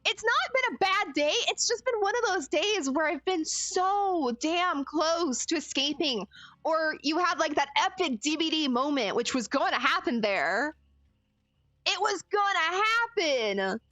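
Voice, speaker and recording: A woman's voice: extremely high pitch, expressive, a little slow, bright, forceful tone, no echo. A woman streaming a game, chatting casually with viewers and reacting expressively, swinging between frustrated cries and laughs. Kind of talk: casual gaming commentary.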